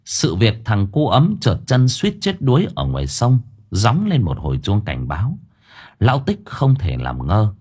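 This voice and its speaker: A man's voice: on the low side, huge pitch swings, unhurried, a little mellow, husky. A man narrating an audiobook story expressively.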